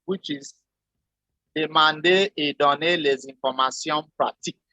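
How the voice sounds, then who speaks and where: A man teaching a French lesson, explaining slowly and deliberately with spoken examples. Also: a little high, sharp tone, dry recording. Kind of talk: lecture.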